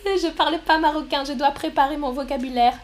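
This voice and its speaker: A woman hosting a live stream, talking slowly and clearly as she reads out viewer comments and answers them with frequent light laughter. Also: high-pitched, fairly even intonation. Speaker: livestream host.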